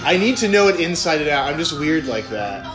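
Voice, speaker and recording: Guy chatting about a tv show, laughs a lot, rambly, show music playing loud behind him. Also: on the high side, very animated, fairly quick. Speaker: podcast co-host. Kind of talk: casual chat reacting to a TV show.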